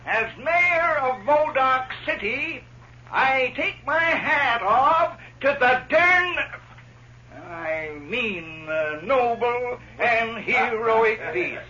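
A blustering frontier mayor. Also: male voice, very high-pitched, expressive, drawn-out words, long pauses, bright, forceful tone, slight background noise, heavily acted. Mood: pompous. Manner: blustering, fumbling speech. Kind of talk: 1940s radio acting. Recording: muffled vintage radio broadcast.

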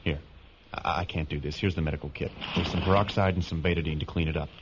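Man playing gruff field medic, reluctant trucker rescuer, deep voice, audio drama, muffled noisy recording. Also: fairly even intonation, quick pace. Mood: gruff concern. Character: gruff, reluctant male truck-driving rescuer, kind underneath. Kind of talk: dramatic audio fiction acting.

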